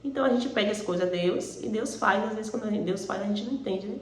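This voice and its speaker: A woman's voice: medium pitch, quick pace, reverberant, slight background noise, low-quality recording. A woman with a Brazilian Portuguese accent giving an earnest, conversational religious testimony, speaking to listeners as brothers and sisters in faith.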